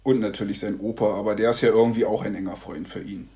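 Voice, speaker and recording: A man narrating a devotional story in a calm, measured way. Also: on the low side.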